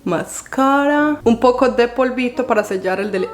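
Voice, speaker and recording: A woman's voice: fairly high pitch, unhurried, echoey room. A woman in her thirties talking casually to camera as a vlogger, earnest and encouraging toward the viewer. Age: 30s. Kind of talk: casual vlog talk to camera.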